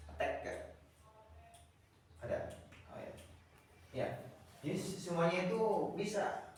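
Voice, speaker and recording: A man's voice: sits high, slow, slight background noise. A man teaching a class, talking. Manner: rambling, with many fillers and repeated words. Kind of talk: classroom lecture. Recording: echoey classroom from far off.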